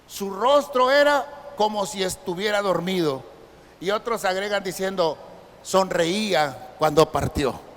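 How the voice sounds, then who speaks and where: A man preaching from the pulpit, his voice pitched fairly high for a man. His words ring out with a long echo through a church hall, with a faint hiss under the recording. He keeps asking the congregation questions as he drives the sermon forward. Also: fairly bright tone. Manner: acts out frightened crowd voices. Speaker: pastor. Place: church sanctuary.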